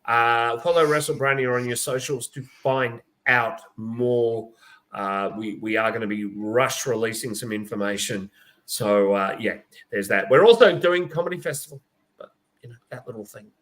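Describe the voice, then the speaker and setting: Halting Australian man with a middle voice. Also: medium pitch, fairly bright tone. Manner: halting, with many uh fillers. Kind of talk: casual podcast chat.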